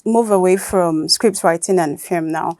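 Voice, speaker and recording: A woman's voice: lowish voice, unhurried, darkish tone, no echo, studio quality. A woman hosting a casual interview, asking questions conversationally. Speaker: interview host. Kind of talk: casual chat.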